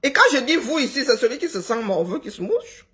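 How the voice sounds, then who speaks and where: Her delivery here is fairly quick and sing-song, her somewhat high voice pushed and bright. The Cameroonian commentator keeps up her sarcastic, scolding live-stream monologue, and she has described her own voice as unpleasant.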